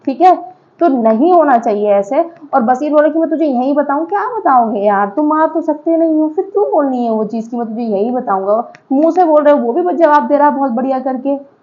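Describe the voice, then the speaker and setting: High-voiced opinionated woman commentator. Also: animated, a little fast, lo-fi sound. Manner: emphatic, opinionated, mixes in English words; keeps checking in with listeners. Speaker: reality show commentator. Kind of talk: casual opinion commentary to viewers.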